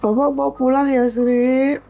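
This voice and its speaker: A woman with a Javanese accent quoting her dying father as he tenderly says goodbye and leaves her his last advice. She repeats his soft pleading words in a raised voice. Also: high voice, little pitch movement, unhurried, creaky, highs cut off, soft background music, pitched above the performer's own voice. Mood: tender farewell. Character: dying old father, gentle and loving.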